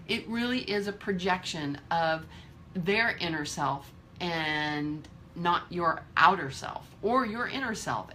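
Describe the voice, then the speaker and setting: A woman's voice: lowish voice, a bit bright, a little hiss or hum. A woman in her fifties giving a candid, emphatic motivational talk to her viewers, swearing freely. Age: 50s. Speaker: vlogger.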